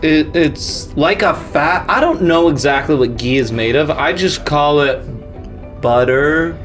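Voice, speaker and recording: An American man hosts a podcast of casual comedic chat, joking, rambling a little, and laughing often. His voice runs on the high side with lively intonation, an unhurried pace, and a fairly bright tone, set against soft background music.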